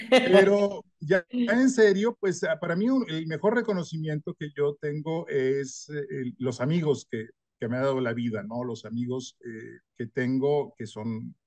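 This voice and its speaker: A man's voice: medium pitch, darkish tone, no echo. An older man from Mexico, a historian answering interview questions in a thoughtful way, often ending points with a tag question. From northern Mexico. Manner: thoughtful, frequent tag questions, light self-deprecating humor. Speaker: historian guest.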